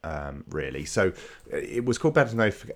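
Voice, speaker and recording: A man's voice: low voice, sing-song, fairly quick. A man with a nasal, stuffed-up voice from a slight cold, talking casually as a podcast host.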